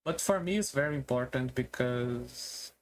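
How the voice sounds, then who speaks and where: A streamer talking casually in a halting way, with non-native English phrasing, on a solo stream. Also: mid-range voice. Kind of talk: casual solo debut stream talk about favourite books and music.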